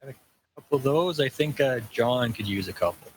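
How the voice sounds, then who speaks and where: A man's voice: medium pitch, animated, a little fast, breathy edge. A man playing a tabletop game in casual chat, curious and hesitant with many fillers. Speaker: player.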